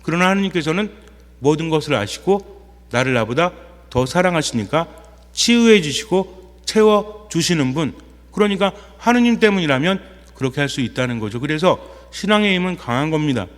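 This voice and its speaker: Male priest, higher-pitched, preaching in a reverberant church, rhetorical Q&A style. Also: animated, moderate pace. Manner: asks rhetorical questions and answers them himself; acts out quoted inner voices in a softer, lower tone. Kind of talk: sermon.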